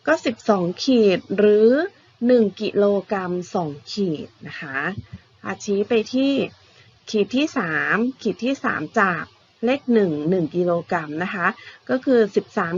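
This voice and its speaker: A woman's voice: mid-range voice, lo-fi sound, a little hiss or hum. Patient woman teaching young pupils. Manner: patient, repetitive, ending phrases with polite particles. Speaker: primary school math teacher. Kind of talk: online lesson explaining to young pupils.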